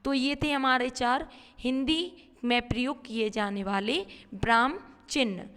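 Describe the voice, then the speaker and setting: A woman's voice: high-pitched, measured pace, a bit bright, smooth, big-room sound. A woman teacher explaining a grammar lesson step by step, reading a line and then paraphrasing it.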